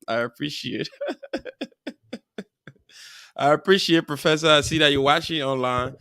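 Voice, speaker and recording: A man hosting a live talk show, rambling through chatty shout-outs to viewers with frequent chuckles. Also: medium pitch, vocal fry, no echo, clean studio sound. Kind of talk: casual live-show chat. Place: studio.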